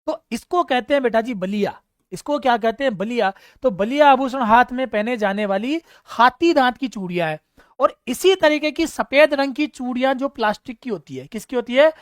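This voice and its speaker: Very high in pitch and delivered at a normal speed, his voice comes through in studio quality without echo. He's teaching an online exam-prep class live, quizzing learners, naming and praising them, and slipping in humorous anecdotes.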